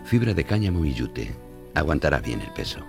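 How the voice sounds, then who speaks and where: Brief: shirt narrator, gravelly, very deep, creepy. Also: male voice, sing-song, over music, full character voice. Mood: ominous. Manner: slow, ominous storytelling. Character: shirt hung out to dry, male, brooding. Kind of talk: dramatized story reading.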